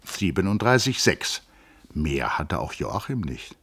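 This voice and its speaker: A man narrating a literary audiobook with measured, expressive storytelling. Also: deep voice, creaky, husky, no room sound. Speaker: audiobook reader.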